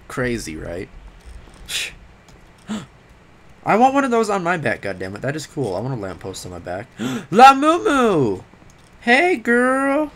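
A man hosting a gaming video, giving casual, excitable commentary with yelps and jokes about the game. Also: medium pitch.

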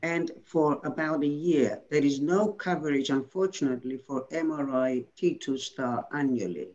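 A man's voice: on the high side, normal speed, darkish tone, lo-fi sound. A man moderating a webinar on a video call, reading out questions with brief acknowledgements.

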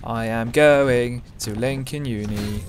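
A man's voice: medium pitch, slow pace, a little hiss or hum. A young man from England casually commenting on a shooter game he is playing, joking and swearing at opponents. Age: young adult. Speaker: gameplay commentator. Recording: loud gunfire from the game behind.

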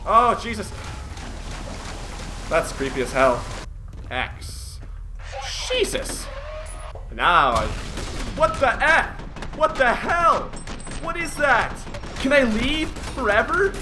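A man's voice: very high voice, noisy background. A man giving casual commentary on a horror game, jumpy and swearing, mocking his own fear. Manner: jumpy, swearing, self-mocking, yelps when startled. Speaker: gaming commentator.

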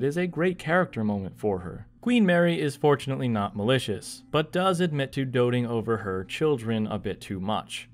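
A man from Arizona reads a scripted video essay at a middle pitch. His delivery is measured and storytelling, and he slips in dry, wry asides. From Arizona, USA. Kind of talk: scripted narration.

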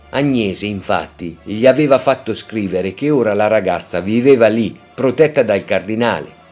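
A man reading an adapted classic novel aloud for language learners, voicing the quoted lines with feeling. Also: fairly low pitch. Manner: lively storyteller, colors quoted lines. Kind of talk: slow, expressive story reading.

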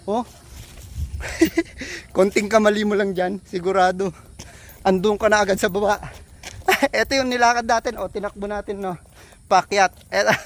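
A man's voice: high voice, moderate pace. A man vlogging as he hikes a steep mountain trail, out of breath, exclaiming often and talking to his viewers. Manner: excited, exclaims often, addresses viewers as trippers. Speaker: travel vlogger. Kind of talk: casual walking travel vlog. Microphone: handheld phone.

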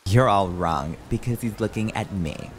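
A man's voice: on the low side, normal speed, slight background noise, lightly acted. A man playing a vain, bossy, irritable female socialite in a comedy skit, indignant and haughty. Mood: haughty irritation.

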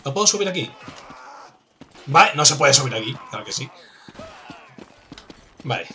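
A man with a Spanish accent from Spain, commentating a game he is playing, excitable and swearing, with sudden loud outbursts. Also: mid-range voice, normal speed. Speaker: gameplay commentator. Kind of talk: let's play commentary. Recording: game music in background.

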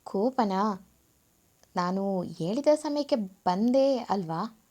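A woman reading a story voices a young husband who softly coaxes his wife. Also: medium pitch, animated, extremely slow, voice pushed down. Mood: coaxing. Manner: soft, coaxing. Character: young husband, tender and coaxing.

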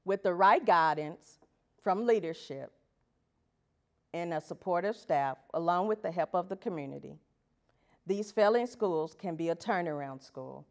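A woman's voice: on the low side, expressive, unhurried. A woman teacher giving a prepared talk at an education event, earnest and putting rhetorical questions to the audience. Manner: reads from prepared pages. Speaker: elementary school teacher.

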